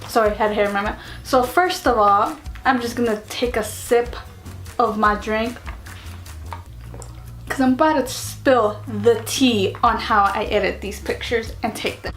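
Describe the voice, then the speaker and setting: High-voiced chatty young woman vlogger. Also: steady tone, unhurried, fairly bright tone, faint music behind. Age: 20s. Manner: chatty, giggly, self-mocking. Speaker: beauty and lifestyle vlogger. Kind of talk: casual chat to camera.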